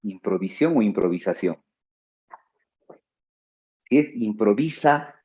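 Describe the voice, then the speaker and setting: A male teacher giving a spelling lesson, drawing out his words slowly and adding playful asides to his students. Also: fairly low pitch, expressive, warm tone, breathy edge, highs cut off. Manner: slow, drawn-out words, playful asides to the listener.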